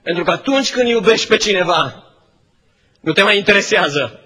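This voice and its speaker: A male pastor preaching a sermon, swinging between loud exclamations and hushed asides. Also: high voice, lively intonation, husky. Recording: long reverb of a large hall.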